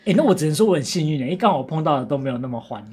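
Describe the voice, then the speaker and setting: A woman's voice: low voice, lively intonation, very fast, warm tone, husky. A woman co-hosting a podcast, bantering and teasing her partner in a casual chat. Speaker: podcast co-host.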